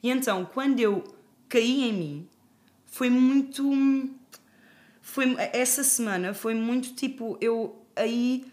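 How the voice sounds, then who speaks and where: A woman's voice: a little high, slow pace, darkish tone. A young woman speaking as a podcast guest in casual conversation, open and reflective, with lots of fillers.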